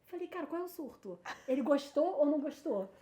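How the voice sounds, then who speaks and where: Woman in her 30s, talks fast, telling a story with lots of voices, echoey room. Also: high voice. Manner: animated, quotes people in lively voices. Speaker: guest. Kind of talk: storytelling in casual chat. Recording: echoey room with faint noise.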